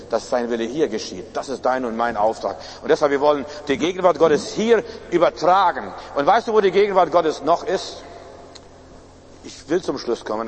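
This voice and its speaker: A man preaching a sermon, talking straight to his listeners, often swinging between loud outbursts and hushed asides. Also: mid-range voice, in a large hall, a little hiss or hum. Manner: lively, shifts from loud to hushed; talks straight to listeners with repeated questions.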